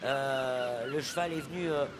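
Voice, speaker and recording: A man's voice: medium pitch, unhurried. A man giving unscripted analysis as a horse racing pundit. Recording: loud outdoor background noise.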